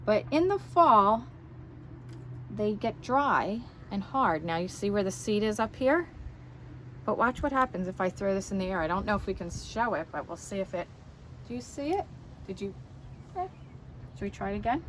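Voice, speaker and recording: This low-quality recording, with slight background noise, features a woman doing read-aloud and show-and-tell as a children's story time teacher. She explains as she goes and poses questions to the young listeners. Her mid-range voice is fairly bright and lively, at a moderate pace broken by long pauses.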